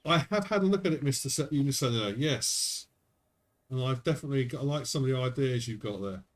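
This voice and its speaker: A man streaming a game, chatting casually with a friend and his viewers, relaxed and chuckling. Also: medium pitch, fast. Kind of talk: casual chat while gaming.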